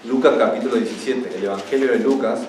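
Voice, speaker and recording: A man's voice: medium pitch, fast talker, a little mellow. A young male pastor preaches a sermon, repeating his key words and lifting his voice for scripture. His medium voice echoes around a roomy church hall, heard from some distance with a faint hum of ambience behind it. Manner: teaching, repeats key words, rises when reading scripture aloud.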